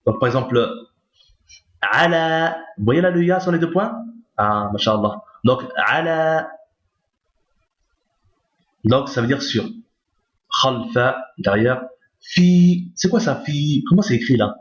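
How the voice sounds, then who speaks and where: A man at a middle pitch gives a recorded lesson, patient and methodical. He repeats every point and keeps checking that his listeners are following. The sound is roomy and echoey, with a dull, lo-fi tone. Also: animated, takes it slowly, pauses often. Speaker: teacher. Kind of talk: recorded lesson on reading Arabic.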